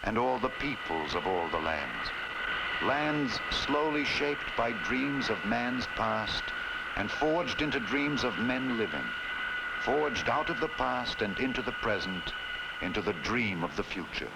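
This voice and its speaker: A man reading scripted, poetic documentary narration in a solemn, grand, oratorical manner with dramatic pauses. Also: mid-range voice, expressive, creaky, very noisy. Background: loud music.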